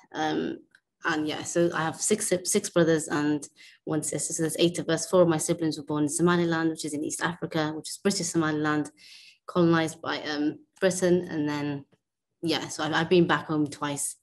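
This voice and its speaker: A young woman from Wales talks on a video call through a wired earphone mic, her voice low-pitched for a woman. She speaks softly and hesitantly, filling pauses with ums, and sounds a little nervous as she introduces herself as a guest speaker. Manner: soft-spoken, hesitant, with many fillers. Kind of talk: casual spoken introduction. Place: indoor room at home.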